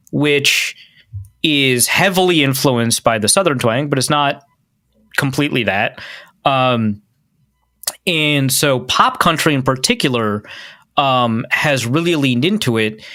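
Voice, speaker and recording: A man's voice: mid-range voice, pushed and bright, dry recording, studio quality. A man with a Midwestern accent chatting casually as a podcast host, rambling with lots of fillers and restarts. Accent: Midwestern American.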